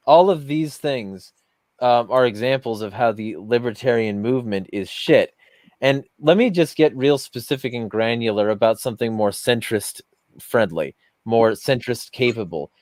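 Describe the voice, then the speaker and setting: A man's voice: medium pitch, moderate pace, a little mellow, no echo. A man hosting a podcast who rants bluntly and swears often in casual heated talk. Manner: blunt, profane, ranting. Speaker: podcast host.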